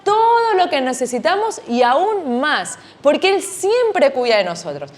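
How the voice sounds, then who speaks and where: Brief: woman playing a gentle, reassuring mom in a children's story, high voice. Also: sing-song, a little slow. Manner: soothing, gentle. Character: calm, reassuring mother.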